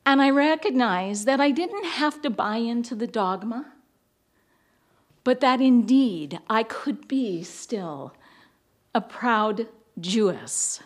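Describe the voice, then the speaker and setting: Slow, high-voiced woman telling a story. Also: expressive. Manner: dramatic, vivid, emotive delivery. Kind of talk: live personal storytelling.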